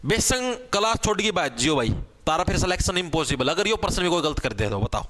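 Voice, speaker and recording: Man teaching live online, high voice, keeps saying bhai and hurrying kids to answer. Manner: energetic, urges students to answer quickly; calls students "bhai" again and again. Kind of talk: live online grammar class.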